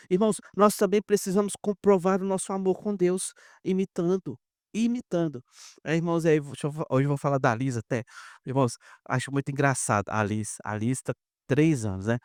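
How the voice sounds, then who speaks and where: A Brazilian pastor preaching a conversational sermon, calling the congregation "brothers" and acting out short dialogues. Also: male voice, a little high, darkish tone, no room sound, studio quality. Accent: Brazilian Portuguese. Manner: conversational preaching, addresses "irmãos" often; acts out little dialogues in quoted voices.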